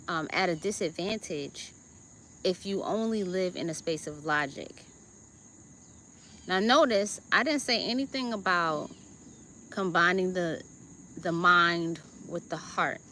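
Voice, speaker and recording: Jamaican woman hosting a slow spiritual self-help talk, bright tense voice a bit low in pitch, keeps asking "right?", crickets faint behind. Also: slight background noise. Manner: deliberate, checks in with listeners with "okay?" and "right?". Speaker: host.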